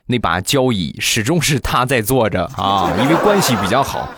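A man hosting a comedy show, telling jokes and funny anecdotes in a teasing, animated way into a close, dry mic. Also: medium pitch, normal speed, heavy background noise. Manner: teasing, animated, acts out quotes. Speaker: comedy podcast host. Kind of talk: joke storytelling.

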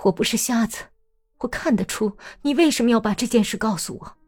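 A woman's voice: on the high side, fairly quick, darkish tone, husky, faint music behind, pitched above the performer's own voice. Woman doing a hurt, bitter young wife. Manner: subdued, cold, strained.

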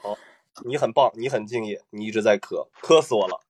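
A man's voice: on the low side, brisk, a little mellow, breathy edge. A man hosting a comedy podcast talent contest, teasing and playful, coughing now and then. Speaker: podcast host. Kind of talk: casual comedy podcast chat.

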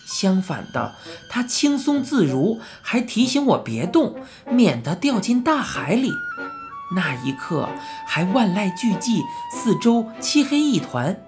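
A woman narrating a children's audiobook with expressive storytelling. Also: medium pitch, slow pace, over music.

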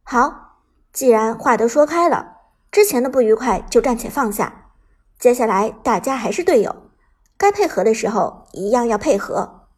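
A firm, serious female team boss from a storybook, speaking with quiet authority, as the narrator voices her. The voice sits a little high with a breathy edge. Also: animated, normal speed. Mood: stern. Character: stern female esports team manager.

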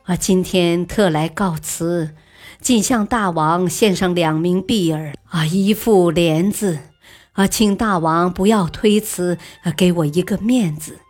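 A woman voicing a scheming male court favorite who flatters and pleads with drawn-out sighs. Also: lowish voice, husky, soft background music. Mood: wheedling.

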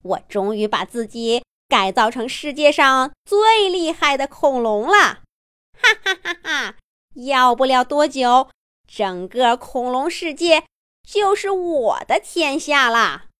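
A woman voicing a huge mutant male dinosaur, a mad scientist villain in a children's audio story, gloating with drawn-out words and cackles. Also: high voice, very animated, fairly bright tone, clear, resonant tone, no echo, clean studio sound, full character voice. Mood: gloating, triumphant.

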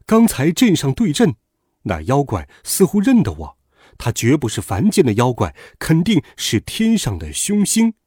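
A man voicing a brash, fiery male monkey king who shouts his commands loudly in a storybook reading. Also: fairly high pitch, huge pitch swings, normal speed, husky, no room sound, clean studio sound, exaggerated voice. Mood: musing.

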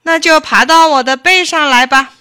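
A boastful fox in a storybook barks out orders and scoldings, voiced by a woman. The voice is bright and lively and swings up and down. The recording is close and dry. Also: on the high side, slow, no room sound, voice pushed up, full character voice. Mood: bossy. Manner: bossy, scolding, loud. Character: boastful fox copying a tiger, quick-tempered.

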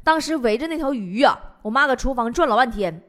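A woman's voice: fairly high pitch, lively intonation, a little fast, very noisy. A young woman with a Northeastern Chinese accent, telling comic stories and laughing at her own jokes. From Northeast China. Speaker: comedy show host. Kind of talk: scripted comedic storytelling.

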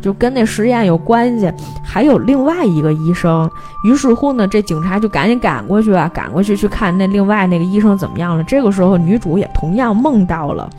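A woman, hosting a casual film podcast and retelling a plot in lively detail. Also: medium pitch, brisk, hardly any pauses, soft background music. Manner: animated storytelling, briefly mimics characters' lines.

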